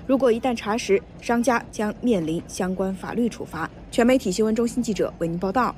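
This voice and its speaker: Female news narrator, soft dark tone, mid pitch, faint background noise. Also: fairly quick.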